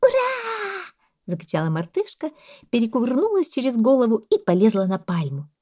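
A woman reading a children's story aloud in an expressive, lively storytelling manner. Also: on the high side, a little fast.

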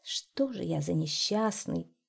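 A woman voicing a soft, lonely fog. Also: a little high, animated, slow pace, husky, pitched above the performer's own voice, exaggerated voice. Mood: plaintive. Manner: soft, plaintive. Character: lonely, gentle fog spirit.

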